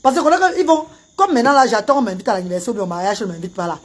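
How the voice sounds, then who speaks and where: A woman from Cameroon, chatting casually on a live stream and breaking into loud wailing chants. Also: on the high side, fast talker. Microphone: phone camera.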